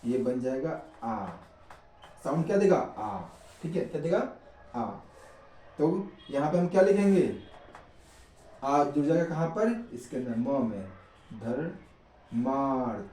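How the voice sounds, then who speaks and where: A man's voice: fairly high pitch, sing-song, unhurried, pauses often, mellow, roomy sound, far from the mic, slight background noise, low-quality recording. A man teaching a grammar lesson, asking questions and answering them himself and checking in often with his students.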